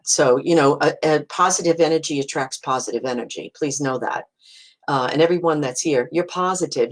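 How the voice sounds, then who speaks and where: A middle-aged woman from Brooklyn, New York, a psychic medium, hosts a casual live video in a low voice with a clear Brooklyn accent. She warmly reassures viewers, often restarting phrases and filling them with "you know."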